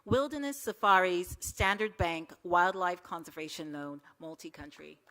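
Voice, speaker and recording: A woman's voice: fairly low pitch, moderate pace, heavy background noise. Woman presenting award nominees. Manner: reads announcements steadily.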